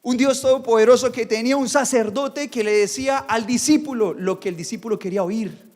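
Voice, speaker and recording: A male pastor preaches in a church, and his voice sits high for a man. He is animated and acts out the voices he quotes. A long reverb from the hall trails after every phrase. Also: brisk. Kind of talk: sermon.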